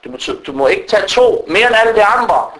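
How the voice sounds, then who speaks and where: A man's voice: high voice, very animated, fairly bright tone, rough recording. A man preaching an unscripted religious lecture to a gathering, talking directly to his listeners with frequent fillers and restarts. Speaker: Islamic preacher.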